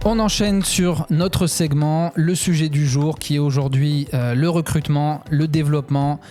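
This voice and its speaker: A man hosts a podcast discussion in a relaxed way, with frequent hesitations and loose phrasing. His voice sits a little high yet sounds mellow and warm. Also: normal speed, soft background music. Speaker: podcast host. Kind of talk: casual hosting.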